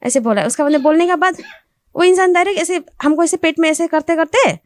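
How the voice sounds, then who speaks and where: A woman's voice: very high voice, quick pace, no echo, clean studio sound. A young woman recounting an incident to reporters in plain, repetitive Hindi, growing agitated and insistent as she tells it. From Assam. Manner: speaks Hindi with non-standard grammar, repeats "ऐसे बोला". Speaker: complainant interviewed.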